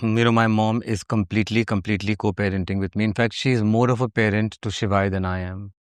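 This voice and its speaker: A man speaks as an interview guest in a polished, upper-class Indian accent. His voice sits low and is clean and resonant. He answers conversationally and reflectively, with very little room around the sound. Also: fairly even intonation, quick pace, clean tone, no room sound. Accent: educated upper-class Indian.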